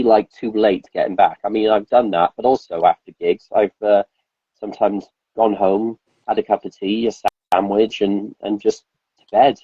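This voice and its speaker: A man's voice: on the low side, slightly rough, dry recording. A man, a podcast host, chatting casually and rambling, with lots of fillers and restarts. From Wales. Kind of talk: casual chat. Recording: dull, lo-fi sound.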